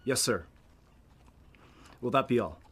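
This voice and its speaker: A man's voice: mid-range voice, lively intonation, takes it slowly, fairly bright tone, slightly rough, full character voice. An actor playing an eager, indignant young cavalry lieutenant in a western film, clipped and formal as he protests his orders. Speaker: army lieutenant.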